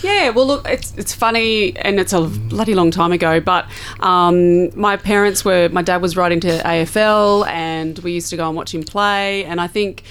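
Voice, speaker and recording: A middle-aged Australian woman with a fairly low voice talks as an interview guest. She reminisces in a casual, conversational way, as in a studio chat. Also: moderate pace, a bit bright, clear, resonant tone. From Central Coast, Australia. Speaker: guest, former netball player.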